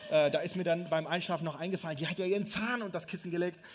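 A man in his thirties preaching a lively, humorous sermon, telling family stories and speaking directly to the congregation. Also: on the high side, racing. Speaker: pastor.

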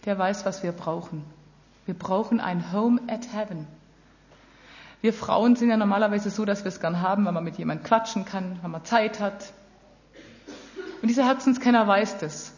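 A woman's voice: medium pitch, moderate pace, pauses often. Earnest woman preaching in a reverberant hall. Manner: earnest, direct address to the audience. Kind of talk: sermon. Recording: dull audio with long hall reverb.

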